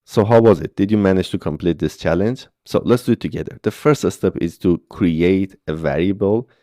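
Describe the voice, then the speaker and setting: In this screen-recorded tutorial, a male coding instructor in his 30s leads beginners through tasks one step at a time, pausing often with "okay?" to make sure they're following. His voice is very low and mellow. The recording is close and dry.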